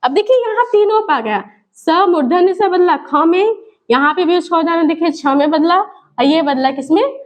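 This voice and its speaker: A woman's voice: very high-pitched, lively intonation, moderate pace. A woman. She poses questions and answers them herself, drilling key words again and again. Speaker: Hindi grammar teacher. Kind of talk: classroom lesson.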